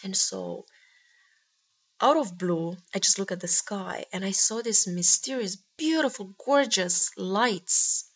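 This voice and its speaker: A woman who works as a spiritual teacher, speaking earnestly to her viewers in a spiritual monologue and often pausing to search for words. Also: mid-range voice, fairly bright tone, husky.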